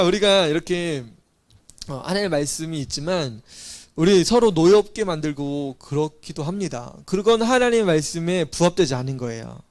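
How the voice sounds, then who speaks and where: A man's voice: on the high side, a little mellow. A male pastor giving a casual sermon, asking the congregation questions and teasingly calling on children by name. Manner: asks the listeners questions and calls on children by name; chatty, teasing.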